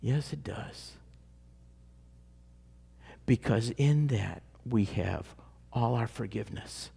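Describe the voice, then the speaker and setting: A man preaching a sermon, dramatic in his delivery and dropping to a near hush at key moments. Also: mid-range voice, slow pace, vocal fry, husky. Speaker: pastor.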